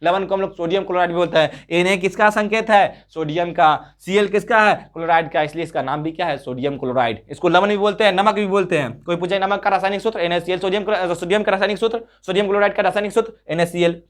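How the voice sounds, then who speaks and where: A man gives a school exam lesson in a high-pitched voice. He drills each point with repeated rhetorical questions, answers them himself, and calls his listeners brother. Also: fast talker, hardly any pauses. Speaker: teacher. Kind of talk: board exam chemistry lesson.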